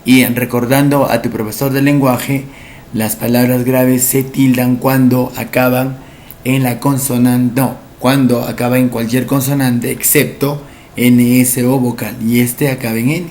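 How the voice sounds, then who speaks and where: A male language teacher, giving a recorded lesson for entrance exams, explaining slowly, repeating each word and asking rhetorical questions. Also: medium pitch, flat delivery, a little mellow, a little hiss or hum.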